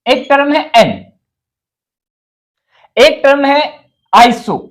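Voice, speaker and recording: A man's voice: very high voice, extremely slow, a bit bright, low-quality recording. A man teaching chemistry as a lecture. He asks the class questions and then answers them himself, and he drops English terms into his explanations.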